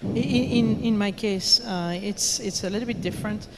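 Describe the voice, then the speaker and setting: A man's voice: high voice, moderate pace. A company chief speaking on a conference panel, a man with stammering restarts. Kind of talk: panel discussion. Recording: clear background noise.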